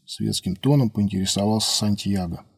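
A man narrating an audiobook novel in a steady storytelling read. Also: normal speed, creaky, breathy edge, no room sound, studio quality. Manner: steady storytelling read, voices characters by lifting pitch. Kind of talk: scripted narration.

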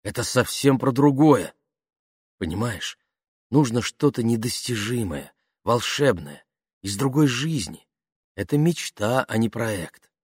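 A man reading an audiobook, voicing a shy, romantic young woman who speaks softly and wistfully. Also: mid-range voice, expressive, measured pace, slightly rough, dry recording, studio quality, voice pushed up. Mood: earnest. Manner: soft, hushed, wistful.

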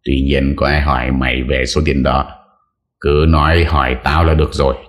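A man's voice: rumbling low, level tone, normal speed. A man voicing a stern young martial-arts master who gives curt, firm orders. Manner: curt, commanding.

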